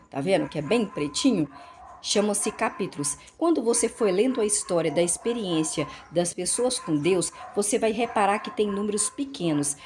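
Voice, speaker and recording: Brazilian lady explaining the bible casually, repeats herself a lot, faint noise behind. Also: lowish voice. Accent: Brazilian Portuguese. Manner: animated, repeats phrases, acts out dialogue. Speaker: Bible teacher.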